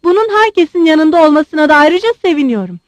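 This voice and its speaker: A woman's voice: high-pitched, big pitch swings, fast, no echo, voice pushed up. A woman reading the part of a proud, blunt young woman who questions sharply and mocks, in a storybook reading. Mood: haughty. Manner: sharp, interrogating, mocking.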